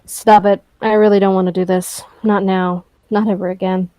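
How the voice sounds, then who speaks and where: A woman's voice: mid-range voice, moderate pace, no room sound, close to an everyday voice, poor audio. A woman voicing a curt, bitter young man. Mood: cold. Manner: flat, clipped and dismissive. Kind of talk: reading a story game aloud.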